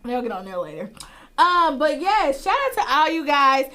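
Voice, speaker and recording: A woman with a high voice runs a casual live internet radio show. She talks in an excited, rambling way, repeating herself and calling out listeners. She speaks into a close studio microphone. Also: moderate pace. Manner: excitable, chatty, repeats herself, lots of shout-outs.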